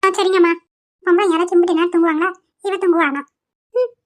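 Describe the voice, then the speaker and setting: A chatty middle-aged cartoon housemaid, voiced by a woman, shrill and grumbling under her breath. Her voice is very high and her talk is quick. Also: fairly even intonation. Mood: fussing.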